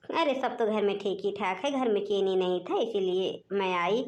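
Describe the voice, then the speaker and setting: A woman's voice: medium pitch, moderate pace, a little mellow, pitched below the performer's own voice, lightly acted. A woman voicing a meek, embarrassed older aunt from the neighborhood, speaking sheepishly and apologetically.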